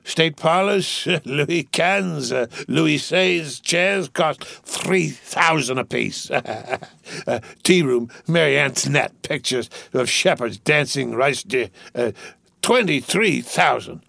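A man's voice: lowish voice, lively intonation, slow, vocal fry, few pauses, voice pushed down, exaggerated voice. A man voicing a drunken, boastful rich young man who slurs, rambles and keeps breaking into laughter. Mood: drunk giggly.

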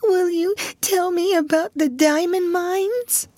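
A woman's voice: very high-pitched, takes it slowly, a little mellow, no room sound, voice pushed up. A woman voicing a small, spoiled, tearful girl with a whiny, stubborn manner in a storybook reading. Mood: whimpering hopeful. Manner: whiny, wailing.

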